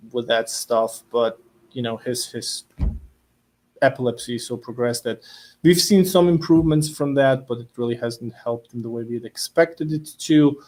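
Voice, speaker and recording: A man hosting a casual interview, speaking loosely with frequent restarts and repeated words. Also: mid-range voice. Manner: relaxed, hesitant, repeats words. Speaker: host.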